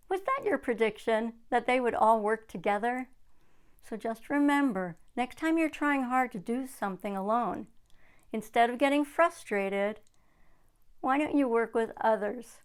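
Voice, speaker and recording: A woman reading a picture book aloud to children, expressive and slow. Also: on the high side, clear, resonant tone. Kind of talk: read-aloud storytelling.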